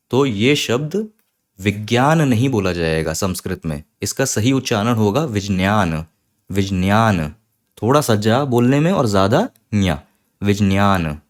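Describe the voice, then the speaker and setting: A man teaching Sanskrit letters in an online lesson, patiently repeating each word slowly to show the right pronunciation. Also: on the low side.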